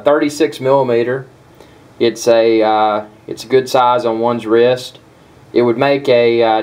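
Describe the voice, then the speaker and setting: A man giving a casual watch review, talking in a halting way with frequent filler pauses. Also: medium pitch, a little mellow, poor audio.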